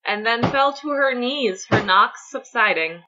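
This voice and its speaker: A woman storyteller narrating a dramatic story reading in an expressive, lilting way. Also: fairly high pitch, measured pace, dull audio, noisy background.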